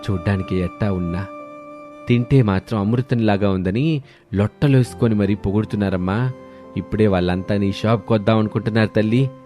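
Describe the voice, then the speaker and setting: A man playing a gentle elderly father-in-law in a cartoon story, his voice lower and quieter than usual. He soothes the listener in an easy rural manner, with faint music behind. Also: fairly quick, lightly acted. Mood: comforting.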